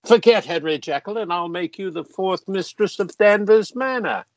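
In a radio play, a man plays a jovial, lecherous Victorian member of Parliament, pompous and theatrical, drawing out flirtatious phrases in a high-pitched voice. He sounds smug and flirtatious, with no echo.

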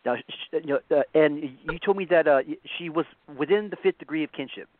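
A man phones in to a radio show, and his voice comes through a narrow, tinny phone line with no room sound at all. He sits a bit high for a man and talks haltingly, stumbling over words and stammering through fillers. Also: dry recording. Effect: phone-line call-in audio.

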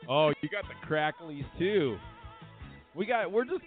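A man's voice: on the high side, big pitch swings, measured pace, faint music behind. A man hosting a casual call-in chat show, rambling and chatty, heard over a crackly, distorted phone line. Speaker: host.

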